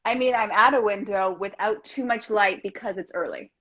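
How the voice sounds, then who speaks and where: A woman in her thirties, a guest on a casual video call, effusive and gushing, talking in quick rushes. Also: medium pitch, fairly bright tone, muffled recording. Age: 30s.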